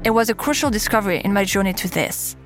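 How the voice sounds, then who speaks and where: A woman's voice: medium pitch, animated, quick pace, music in the background. A woman in her thirties with a French accent, host of a podcast, telling her own story in candid scripted narration. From France. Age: 30s.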